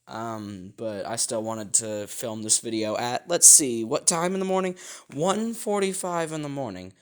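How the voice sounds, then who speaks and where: A young man with a sore, rough throat, casually telling a rambling story for his vlog, full of fillers and self-corrections. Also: medium pitch, a little slow. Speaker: storytime vlogger.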